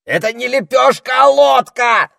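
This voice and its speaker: A man voicing an irritable old male parrot who yells and squawks in exasperation, in an audiobook. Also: huge pitch swings, drawn-out words, no echo, studio quality, exaggerated voice. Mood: shouting. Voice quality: shrill, gravelly. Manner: yelling, exasperated.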